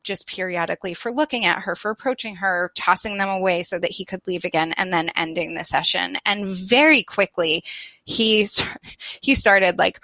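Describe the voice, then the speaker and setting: A woman in her thirties telling a story in a casual conversation, animated and self-deprecating, often laughing. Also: on the low side, normal speed, no room sound. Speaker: guest.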